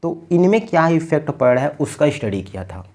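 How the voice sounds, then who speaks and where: A man from India giving a patient physics lecture, explaining each step slowly and often checking in with his students. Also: on the high side, very animated, darkish tone. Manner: keeps checking in with "ठीक है". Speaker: physics teacher. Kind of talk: blackboard lecture.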